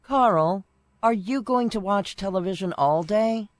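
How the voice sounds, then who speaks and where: A woman voicing Sally, a friendly young woman in a scripted course dialogue, with clear, evenly paced textbook delivery. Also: medium pitch, slow, no echo, lightly acted. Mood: cheerful.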